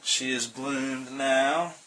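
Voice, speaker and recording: A man with a Southern US drawl walks through a casual how-to demo in a relaxed, meandering way, dropping uh and um between thoughts. His voice has a bright, forward edge, and a little faint noise sits under it. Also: mid-range voice, very slow. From Southern United States. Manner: relaxed and rambling, with frequent uh and um fillers. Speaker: outdoor gear hobbyist demonstrating a stove.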